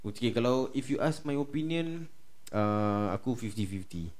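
A man's voice: medium pitch, expressive, normal speed, a little mellow. Singaporean man chatting in slangy Malay-English mix. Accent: Singaporean Malay-English (Singlish). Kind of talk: casual opinionated chat.

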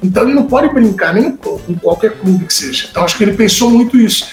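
A man's voice: high voice, fast, reverberant, faint music behind. A man, a sports reporter, casually telling an anecdote and acting out the dialogue in it. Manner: animated anecdote-telling, acts out quoted dialogue. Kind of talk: casual storytelling chat.

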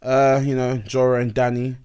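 A man's voice: mid-range voice, flat delivery, normal speed, a little mellow, clean tone. A young man hosting a casual podcast, recapping a show with playful slang. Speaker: podcast host. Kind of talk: casual chat.

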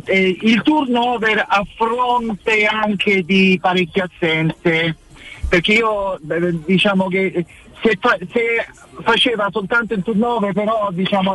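A male caller comes through a car speakerphone, his voice high for a man and bright. He talks haltingly, stopping and repeating words as he makes his point. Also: poor audio. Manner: hesitant, stumbling, repeats words. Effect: speakerphone call from a car. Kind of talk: phone-in chat.

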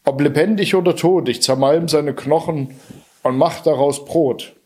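A brutish man-eating giant from a storybook, voiced by a man reading aloud. He roars his threats in a husky, somewhat raised voice. The delivery stays close to a plain reading voice. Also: a little high, a little slow, darkish tone, voice pushed up. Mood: menacing.

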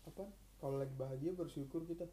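A woman's voice: deep voice, quick pace, a crowd in the background. A woman co-hosting a casual chat, blunt and teasing. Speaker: podcast co-host.

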